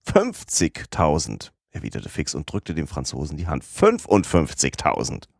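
A man reads a classic adventure novel aloud in a steady, measured way. His voice sits very low. The recording is dry and close, with no room sound. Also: vocal fry, slightly rough, no echo. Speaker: audiobook narrator. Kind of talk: scripted narration.

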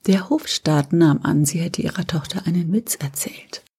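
A woman narrating a storybook in a soft, often half-whispered voice. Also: fairly low pitch, normal speed, vocal fry, breathy edge.

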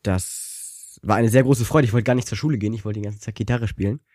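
Man, casual chat, rambling, hesitant, lower voice, dry close sound. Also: fairly quick, a little mellow, no echo. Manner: rambling, hesitant with many fillers. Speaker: podcast co-host.

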